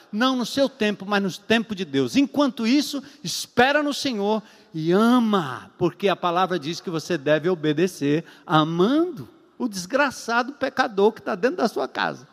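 A man preaching a sermon as a pastor, emphatic and repetitive, with long pauses and rhetorical questions. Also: very high-pitched, long reverb tail.

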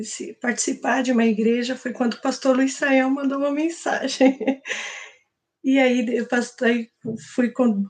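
Brazilian woman, slightly high voice, heartfelt church testimony, earnest storyteller. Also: a little mellow. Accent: Brazilian Portuguese. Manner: earnest, emotional storytelling with quoted prayers. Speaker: church member giving testimony. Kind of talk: personal testimony.

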